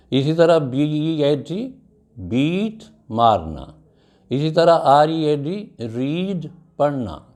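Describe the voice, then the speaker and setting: Man, english teacher, very slow, spells out letters, repeats words. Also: medium pitch, a little mellow. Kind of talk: classroom lecture on vowel sounds.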